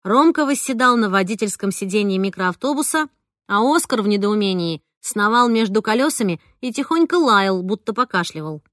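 A woman narrating a first-person novel in an even, clear storytelling voice. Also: medium pitch, moderate pace, no echo, clean studio sound. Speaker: audiobook narrator.

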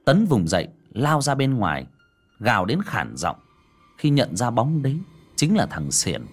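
A man reading a horror story aloud in a dramatic, expressive way. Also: medium pitch, measured pace, slightly rough. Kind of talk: scripted horror narration.

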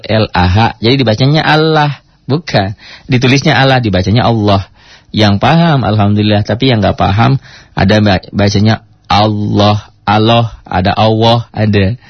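Husky low-voiced man teaching Quran recitation. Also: no echo, dull audio. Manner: stops to spell out letters and chant Arabic words slowly as examples. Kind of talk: informal recitation lesson.

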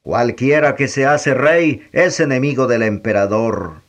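A man voicing an angry crowd of men, shouting insistently. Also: medium pitch, unhurried, lightly acted.

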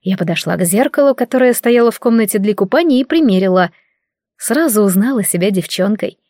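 A woman's voice: medium pitch, expressive, fairly quick, darkish tone, no room sound. Female audiobook narrator, mid-range voice, wry conversational first-person read, dry studio.

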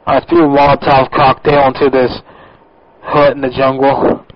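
A man's voice: medium pitch, little pitch movement, moderate pace, pitched below the performer's own voice, natural voice. A man putting on a jittery rambling veteran on the phone. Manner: rambling, tacks "man" onto sentences. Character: wired rambling middle-aged man, claims to be a war veteran. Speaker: prank caller. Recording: muffled radio phone call.

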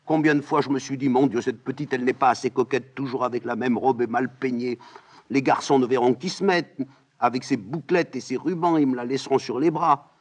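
A man reading a play aloud, voicing a fussy, scolding old nursemaid in a high raised voice. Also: sing-song, a little fast, husky. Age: older. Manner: shrill, scolding, exclamatory.

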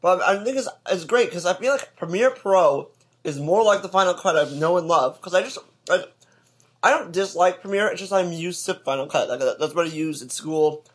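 A man's voice: high-pitched, animated, normal speed. A young man co-hosting a casual podcast chat in a laid-back, chatty way, with lots of filler words. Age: young adult. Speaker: podcast co-host.

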